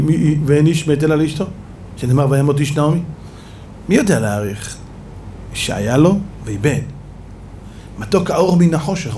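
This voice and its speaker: A man, a rabbi, teaching a lively Torah lesson to an audience in a room, swinging between loud exclamations and low asides. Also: a little hiss or hum.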